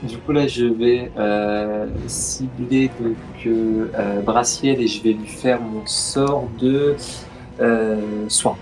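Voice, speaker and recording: A man with a mid-range voice plays in a tabletop game, talking casually and at an unhurried pace with fillers. Music plays behind him. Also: mid-range voice, fairly even intonation, a little mellow, poor audio. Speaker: player.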